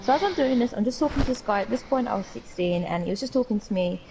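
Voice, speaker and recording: A woman's voice: fairly high pitch, animated, quick pace, background noise. A young woman from the UK with a British accent, co-hosting a podcast and telling rambling stories in casual chat with some swearing. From United Kingdom. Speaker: podcast co-host.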